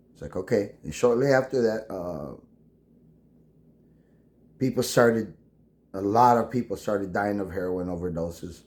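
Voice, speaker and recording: A man, speaking in a halting personal monologue full of restarts. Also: on the low side, a little mellow. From El Paso, Texas. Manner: halting, with many restarts and fillers. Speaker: veteran vlogger.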